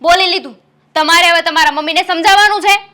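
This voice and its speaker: A young woman acting as a wife fed up with her mother-in-law, complaining in a heated, rapid rush. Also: extremely high pitch, pushed and bright. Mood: angry, fed up. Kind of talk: Gujarati short film acting.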